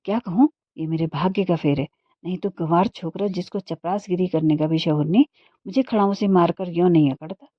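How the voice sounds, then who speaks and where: A woman's voice: on the low side, brisk, no echo, natural voice. A woman voicing a proud young wife from a wealthy family in a storybook reading, speaking in a cutting, indignant way. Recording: dull muffled dry recording.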